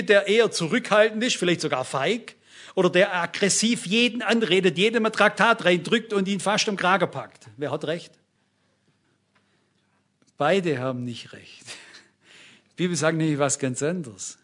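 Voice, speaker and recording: A man's voice: sits high, expressive, a little slow, a bit bright. An older man preaching a sermon, emphatic and speaking directly to his congregation.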